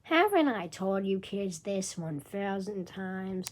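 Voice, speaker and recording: A woman voicing a taunting male bear mastermind in a fan-made drama, with a husky, slow, mocking delivery. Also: medium pitch, sing-song. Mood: gloating.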